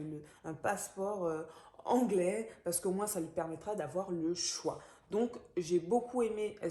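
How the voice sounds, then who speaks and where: A young woman with a Gabonese French accent gives a casual, hesitant book review, full of fillers and restarts. Her voice is low and mellow, and the room sounds roomy and echoey.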